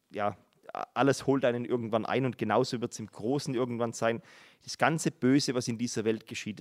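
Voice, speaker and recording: Middle-aged male preacher; earnest, explanatory Bible teaching with emphatic repetitions. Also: medium pitch.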